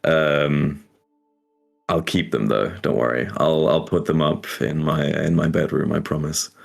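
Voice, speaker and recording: Man, tabletop player, extremely deep voice, gravelly, hesitant, faint music behind. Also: steady tone, unhurried. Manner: hesitant, lots of fillers. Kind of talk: casual tabletop role-play.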